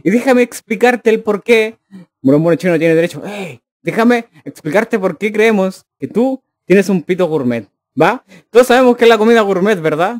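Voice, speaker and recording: A man's voice: high-pitched, expressive, moderate pace, no room sound. A man, a streamer joking and chatting casually with his live chat. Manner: joking, teasing, addressing chat directly.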